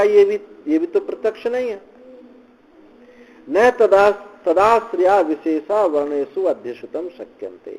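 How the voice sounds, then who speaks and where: A male swami teaching scripture, reciting Sanskrit lines and explaining them slowly in Hindi, often repeating phrases. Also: sits high, a little mellow, low-quality recording. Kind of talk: slow scripture commentary lecture.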